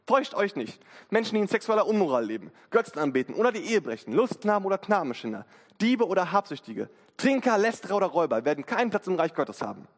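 High-voiced young man preaching in a reverberant hall. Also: big pitch swings, quick pace. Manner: casual youth-slang preaching; acts out inner voices. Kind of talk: sermon.

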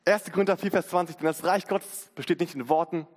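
A man in his twenties with a slightly high voice preaches at a quick pace, using casual slang and acting out inner voices. He was recorded in a church hall with long reverb.

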